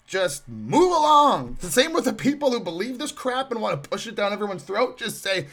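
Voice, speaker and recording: A man delivers a solo podcast rant in a high, gravelly voice. He mocks and scoffs, circling back with many restarts. The sarcasm never lets up. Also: big pitch swings, moderate pace, a bit bright. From Canadian prairies. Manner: sarcastic and mocking, rambling with restarts. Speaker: podcast host.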